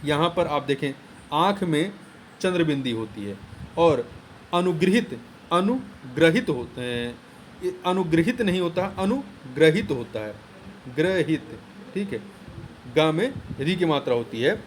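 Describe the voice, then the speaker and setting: Exam tutor, male, high-pitched, methodical and repetitive delivery, faint noise under the voice. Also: animated, normal speed. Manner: explains step by step, repeats key words, plain teaching tone. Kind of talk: exam answer explanation lesson.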